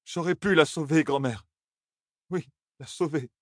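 A man voicing a distraught young man who shouts through grief. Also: on the high side, unhurried, no echo, studio quality, pitched above the performer's own voice. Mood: tearful.

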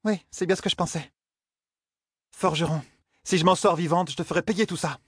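A man voicing a sharp-tongued young woman adventurer who mocks those around her. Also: sits high, fairly quick, slightly rough, dry recording, studio quality, pitched above the performer's own voice. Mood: mocking. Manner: sarcastic, biting.

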